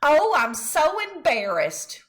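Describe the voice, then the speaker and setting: A woman's voice: mid-range voice, big pitch swings, unhurried, a bit bright. A woman voicing a fussy but firm mother of two boys while reading a storybook aloud. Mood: fretful.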